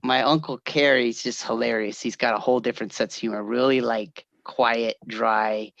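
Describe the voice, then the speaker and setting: A middle-aged man co-hosting a podcast, telling stories in a lively way, acting out the quoted voices and laughing often. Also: medium pitch, normal speed, gravelly, dry recording, dull audio. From Northern California. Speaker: podcast co-host. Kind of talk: casual storytelling chat.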